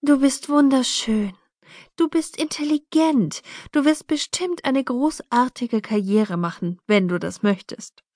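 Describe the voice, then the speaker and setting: A woman's voice: sits high, measured pace, darkish tone, no room sound, clean studio sound, voice pushed up. A woman voicing a frank, free-spirited mother who talks about intimacy in a breezy, matter-of-fact way, read in an audiobook.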